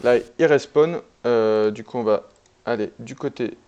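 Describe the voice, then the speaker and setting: The sound is lo-fi as a man in a mid-range voice comments on his own online game replay at a measured pace. He stays relaxed and chatty, often restarting and filling pauses.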